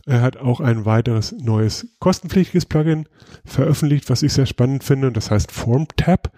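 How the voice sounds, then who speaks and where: A man hosting a casual podcast, talking through topics at an easy, explanatory pace. His voice is mellow and warm, recorded close and dry with no room sound. He often hesitates and restarts mid-sentence. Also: medium pitch, moderate pace, dry recording. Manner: relaxed, explanatory, many filler sounds and restarts. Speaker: podcast host.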